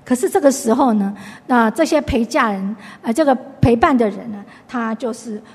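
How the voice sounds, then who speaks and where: High, husky woman teaching the Bible. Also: normal speed, a little mellow, in a large hall. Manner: chatty, explains and retells with many restarts.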